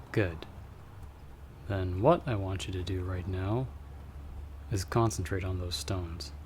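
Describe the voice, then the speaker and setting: In an ASMR audio roleplay, a man plays a calm, guarded investigator who wields magic, speaking in a measured, patient, instructive way with pauses. His voice sits low, and there's a slight hiss or hum.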